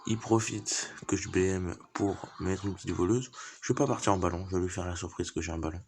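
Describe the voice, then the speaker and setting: A man's voice: low voice, fairly quick, a little mellow, a little hiss or hum. A man giving casual, informal live commentary on a game as he plays, thinking aloud. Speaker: gaming video host.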